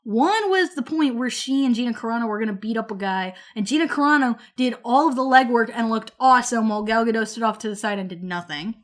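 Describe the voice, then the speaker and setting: High-voiced, giggly tipsy woman arguing bluntly. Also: fast, few pauses. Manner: blunt, sweary, argumentative. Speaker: podcast co-host. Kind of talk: heated casual debate.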